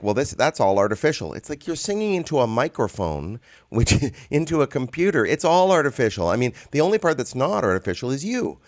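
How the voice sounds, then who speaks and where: A man co-hosting a relaxed conversation between songwriters, telling stories with many ums and restarts. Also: mid-range voice, no echo. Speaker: songwriter co-host. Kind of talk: casual conversation.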